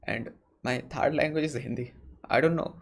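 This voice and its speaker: Speaking with a Bengali Indian accent, this early-twenties streamer from West Bengal takes viewer questions live, relaxed yet deliberate, and tends to repeat himself. His medium-pitched voice is gravelly, and there is a little hiss or hum in the audio.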